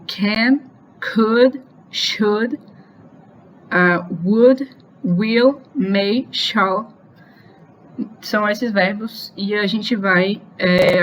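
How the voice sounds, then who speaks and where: A woman teaching an online grammar lesson, explaining slowly and patiently, often stopping to check whether her students have questions. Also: medium pitch, slight background noise, poor audio. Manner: slows down to spell out English example phrases. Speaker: English teacher.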